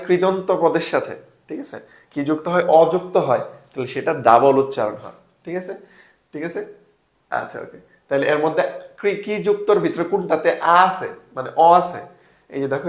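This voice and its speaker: Chatty young man tutoring in an echoey room. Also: fairly high pitch. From Bangladesh. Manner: informal, asks questions and answers them himself; mixes English words into his speech. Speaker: admission test tutor. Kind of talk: casual online exam-solving class.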